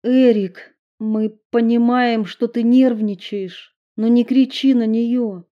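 A woman's voice: on the high side, steady tone, takes it slowly, dull audio. A woman reading a storybook voices an anxious, caring teenage girl who pleads in a raised voice.

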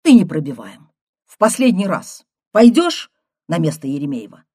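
A man's voice: on the high side, huge pitch swings, moderate pace, darkish tone, breathy edge, no echo, clean studio sound, heavily acted. A woman doing a pushy eager friend. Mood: insistent. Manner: insistent, persuasive.

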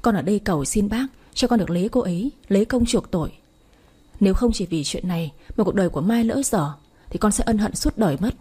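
A woman's voice: mid-range voice, expressive, fast talker, mellow, slightly rough. A woman reading the lines of an earnest, respectful young man asking to marry. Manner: pleading, respectful. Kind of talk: audiobook story reading.

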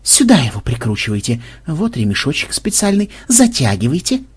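A man's voice: fairly high pitch, huge pitch swings, normal speed, slightly rough, full character voice. A man voicing a pompous, officious male schemer in an audiobook who calls everyone comrade. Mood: bossy.

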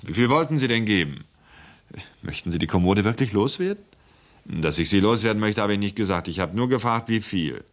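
A man's voice: fairly low pitch, expressive, brisk, voice pushed up, natural voice. A man voicing a blunt, pushy, greedy rural man haggling over furniture in a radio drama.

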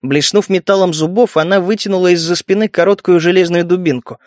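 A man narrating an audiobook in a steady storytelling manner. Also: high-pitched, fairly quick, no echo, studio quality. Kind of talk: scripted narration.

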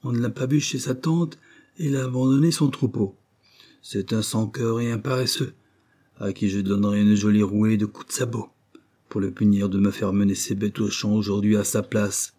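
Grumbling farm boy, spiteful, mellow husky voice, from a male narrator. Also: on the low side, steady tone, normal speed. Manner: grumbling, resentful. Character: sulky boastful twelve-year-old farm boy.

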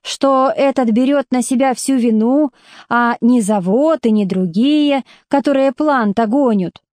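A woman's voice: on the high side, unhurried, warm tone, no room sound, studio quality, natural voice. A woman voicing a plainspoken working-class mother, blunt, stubborn and speaking in homely folk speech, in a storybook reading. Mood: indignant.

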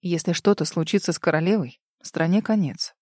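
Quiet, controlled young nobleman, as a woman reads him; low, even voice in a dry, close sound. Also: fairly quick, no room sound, natural voice. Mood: calm. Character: calm, cold-voiced young nobleman, a commander.

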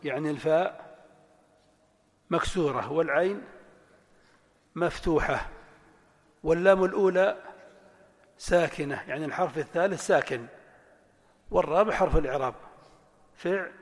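A man with a fairly high voice gives a lecture, drawing out each word pattern syllable by syllable and repeating it. He poses questions to the class and answers them himself. His voice rings with the long reverb of a lecture hall. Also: normal speed, long pauses. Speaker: sheikh teaching Arabic morphology. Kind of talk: classroom lecture explaining a text.

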